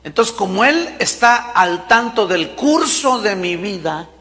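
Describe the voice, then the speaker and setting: A man preaching a sermon, emphatic, with dramatic pauses and sudden loud bursts. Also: sits high, very animated, long reverb tail. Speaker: pastor.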